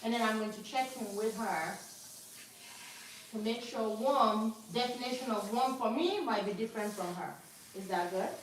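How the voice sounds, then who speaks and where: A woman's voice: a little high, normal speed. A woman hair care instructor teaching a live hands-on demonstration at a salon wash sink, chatty and coaching. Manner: coaching, chatty, turns loud and upbeat when excited. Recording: very echoey room, distant mic, faint noise.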